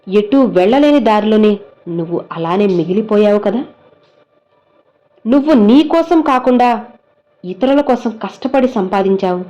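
Gentle fatherly saint voiced by a woman, tender, coaxing, mellow tone, muffled lo-fi sound. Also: mid-range voice, natural voice. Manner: tender, pleading, coaxing questions. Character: gentle fatherly male saint consoling a devotee. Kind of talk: devotional message spoken as the saint.

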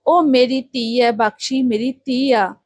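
A grieving village father pleads through tears for help. A woman reads him in her own high voice. The sound is close and dry. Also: steady tone, a little slow, dry recording. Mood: pleading. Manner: begging, tearful appeals.

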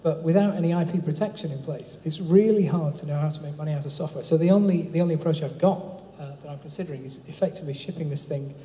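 A man's voice: on the high side, fast, hardly any pauses, warm tone. A man giving an informal, chatty tech talk at a live event, with frequent ums and tag questions. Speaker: speaker presenting a project. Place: large echoey hall. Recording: echoey hall, faint room noise.

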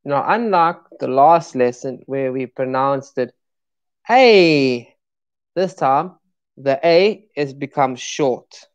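Low-voiced woman teaching vowels on a stream, super slow, sounds out every letter, gets you to repeat. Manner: encouraging, asks viewers to repeat along. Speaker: English pronunciation teacher. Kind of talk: live-streamed phonics lesson.

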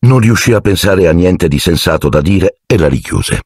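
A man narrating an audiobook in an expressive storytelling manner. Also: low voice, moderate pace, slightly rough, dry recording, clean studio sound.

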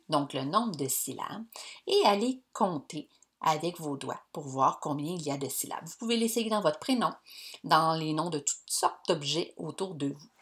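A woman, teaching young pupils in a slow, clear, encouraging way. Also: low voice. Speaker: primary school teacher. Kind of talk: recorded lesson for young pupils.

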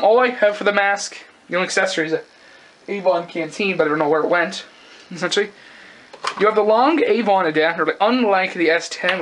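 A young man giving a casual, unscripted review as a collector, rambling and halting, with casual swearing. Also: high voice, pushed and bright, a little hiss or hum. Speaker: gas mask collector and reviewer. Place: indoors, close-up tabletop video.

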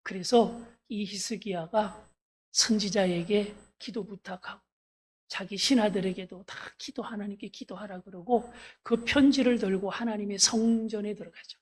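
Husky-voiced woman preaching a sermon. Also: mid-range voice, fairly even intonation, moderate pace, a little mellow. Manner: earnest, addresses the congregation directly; leads the congregation in reading scripture aloud. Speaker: pastor. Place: church service.

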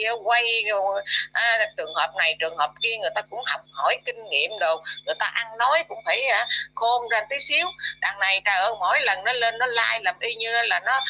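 A woman's voice: medium pitch, pushed and bright. A woman with a Southern Vietnamese accent delivering an angry, scolding rant to her audience, full of fillers and insults. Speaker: YouTube commentator. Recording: dull lo-fi audio.

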